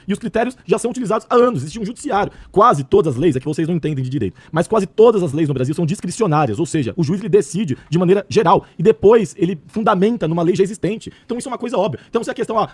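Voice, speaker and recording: A man's voice: high voice, a little mellow, slightly rough, no room sound. A man in a studio podcast debate, lecturing with rhetorical questions. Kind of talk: political debate.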